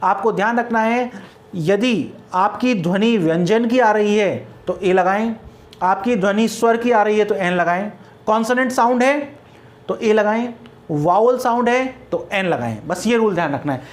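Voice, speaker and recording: A man's voice: high voice, moderate pace. Man teaching with rhetorical drill questions. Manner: spells words out letter by letter. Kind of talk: classroom grammar lecture.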